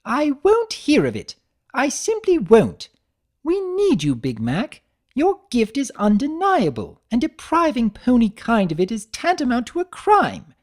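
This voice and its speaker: A woman reader puts on the voice of a prim, dramatic female unicorn seamstress, climbing high and swooping widely to stress every refined phrase. Unhurried and exaggerated, the storybook voice gushes with lively, sweeping inflection in a dramatic audiobook reading.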